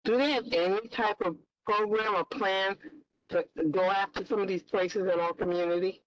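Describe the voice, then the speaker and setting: Calling in remotely, this community member persistently asks questions at a public meeting and pushes for concrete details. Her voice arrives dull and muffled, stripped to its low end. Her intonation is fairly even, her speed normal, and the recording dry.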